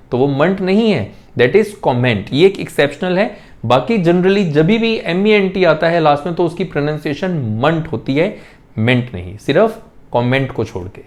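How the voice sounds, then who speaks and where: A man teaching English pronunciation in an online lesson. He explains in Hindi mixed with English and says example words slowly, repeating each one. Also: a little high, darkish tone.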